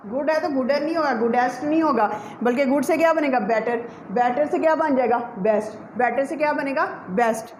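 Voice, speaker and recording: Woman teacher going over grammar rules, high voice, echoey room, bit of hiss behind her. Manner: repeats points and asks questions to the class. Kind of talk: explaining a grammar lesson to students. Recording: echoey room with faint background noise.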